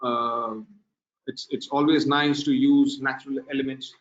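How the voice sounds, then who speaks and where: A man with a medium-pitched voice hosts a wildlife photography webinar over a video call, speaking in a relaxed, unhurried way with lots of filler pauses. The audio is dull and lo-fi, typical of a webinar.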